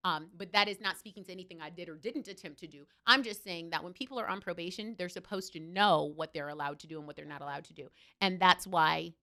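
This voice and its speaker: A woman's voice: fairly low pitch, quick pace, few pauses, sharp tone. A woman, a former judge, speaking as an interview guest and telling her story in an impassioned, emphatic way. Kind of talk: candid interview talk.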